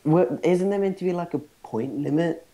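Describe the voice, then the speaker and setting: A man's voice: a little high, moderate pace, mellow, rough recording. A man playing an online card game with friends, making sarcastic, mocking remarks and jokes. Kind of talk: casual online game chat.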